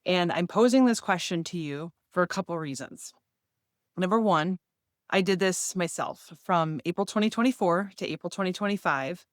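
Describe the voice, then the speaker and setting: Earnest woman in her forties, smooth voice. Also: fairly low pitch, moderate pace, dry recording, studio quality. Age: 40s. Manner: earnest, speaks straight to the viewer. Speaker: fitness vlogger. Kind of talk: casual direct-to-camera talk.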